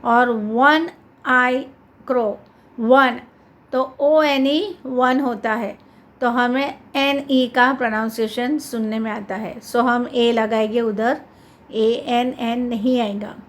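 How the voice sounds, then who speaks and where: Woman teacher, Indian accent, high voice, slow deliberate English drills with quick explanations, classroom lesson. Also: slight background noise. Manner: reads English words slowly and clearly, explains quickly in Hindi, quizzes with questions.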